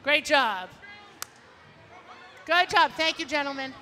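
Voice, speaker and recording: A woman's voice: sits high, lively intonation, takes it slowly, sharp tone, slight background noise. A woman giving chatty live parade commentary outdoors and calling out to the marchers. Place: outdoors on a city street at a parade. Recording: music and crowd behind, outdoor broadcast. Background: music and crowd.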